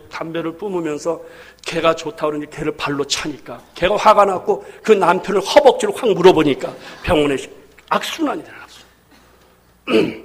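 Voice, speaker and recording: A man with a notably high voice delivers a sermon to his congregation. He preaches with energy and humor, slipping into acted-out domestic scenes and rising to fervent declarations. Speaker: pastor.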